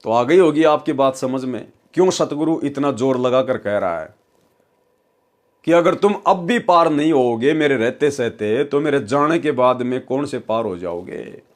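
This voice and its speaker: A man's voice: mid-range voice, lively intonation, normal speed. A man giving a devotional talk, earnest, who reels off long lists and keeps asking rhetorical questions. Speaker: follower presenting the sermon.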